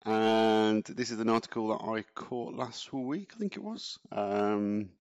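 Deep-voiced man ranting on a podcast. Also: unhurried, darkish tone, muffled recording. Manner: chatty, ranting, laughs often. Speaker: podcast co-host. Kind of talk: casual chat.

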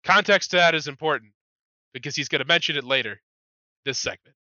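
A man hosting a podcast whose voice sits a bit high and very bright. He narrates his segment in a casual, wry way and swears freely. The sound is dry and slightly dull, like a lo-fi mic. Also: a little fast, no echo. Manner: profane, wry, jokey narration. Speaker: podcast host presenting a segment.

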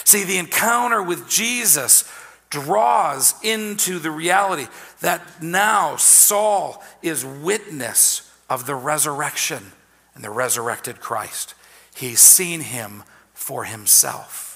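A man's voice: fairly high pitch, lively intonation, takes it slowly, creaky, bright, forceful tone. A man preaching a sermon as pastor, in a conversational style that repeats key phrases. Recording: long hall reverb.

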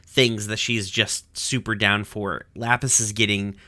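A young man rambles through a cartoon recap, swearing freely and filling gaps with "uh" and "like." His voice is bright and a little tense, and the recording is dry and close, with no room sound. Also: on the low side, little pitch movement, measured pace, no echo. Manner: profane, rambling, with lots of fillers. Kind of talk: casual episode recap.

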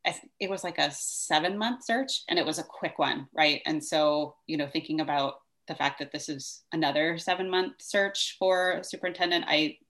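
A woman with a low-pitched voice talks through civic questions in a casual discussion. She thinks aloud, doubles back on her words and laughs lightly as she goes. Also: normal speed, few pauses, a bit bright. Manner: chatty, thinks aloud with many "like"s and restarts; laughs lightly while talking. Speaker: vice mayor, co-host.

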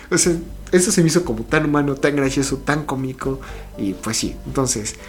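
A man's voice: medium pitch, animated, moderate pace, faint music behind. A man casually retelling a film, chatty and full of fillers and repeats. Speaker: film recap narrator.

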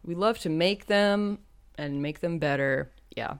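A podcast co-host recaps a TV episode in casual chat, laughing, joking, and acting out quotes. Her voice is lowish, smooth, and a little slow, captured at studio quality with no room sound.

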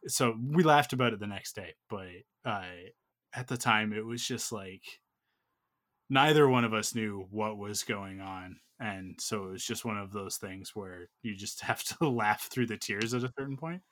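A man's voice: fairly low pitch, measured pace, a bit bright. A man in his thirties telling a long personal story in casual chat, full of fillers and restarts. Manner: rambling, filler-heavy storytelling.

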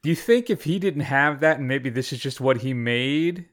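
A man's voice: medium pitch, animated, normal speed. A man co-hosting a podcast in casual, conversational film discussion. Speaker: podcast co-host.

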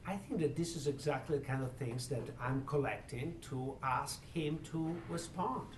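A man with a strong foreign accent, a professor speaking haltingly as he searches for words in a discussion. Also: mid-range voice. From immigrant, from abroad. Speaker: university professor, event host. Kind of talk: panel discussion, answering audience questions. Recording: echoey room, distant mic, faint noise.

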